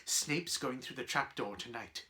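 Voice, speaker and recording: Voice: medium pitch, unhurried, sharp tone. A storybook reader voicing an earnest, headstrong young boy who talks urgently and stumbles over words.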